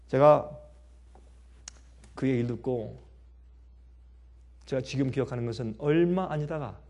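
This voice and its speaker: A man preaching a sermon, telling stories with lively swings between soft and loud speech and frequent laughter. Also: medium pitch.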